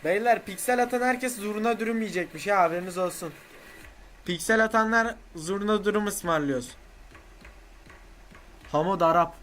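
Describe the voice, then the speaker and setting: A young man streaming a game live, swearing a lot and shouting repeated chants to rally his viewers. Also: high-pitched, normal speed, long pauses, slight background noise.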